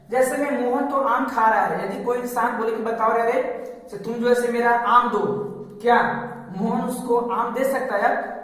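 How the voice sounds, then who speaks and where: A male teacher explains a grammar lesson step by step. He asks rhetorical questions and then answers them himself. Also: very high-pitched. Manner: repetitive, explains step by step with examples. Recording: echoey hall, mic far off.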